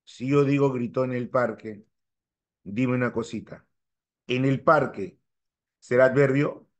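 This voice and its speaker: A man lecturing on grammar in a mid-range voice. He keeps firing quick questions at his students, pushing his pitch up hard whenever he stresses a key term. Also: fairly even intonation. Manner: emphatic, jumps up in pitch to stress key terms. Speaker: language teacher. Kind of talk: exam-prep grammar lecture.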